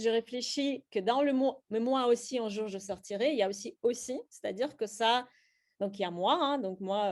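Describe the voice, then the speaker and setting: A woman's voice: mid-range voice, a little mellow. A middle-aged woman from Russia with a Russian accent, leading a slam poetry workshop and explaining her writing with many hesitant fillers and restarts.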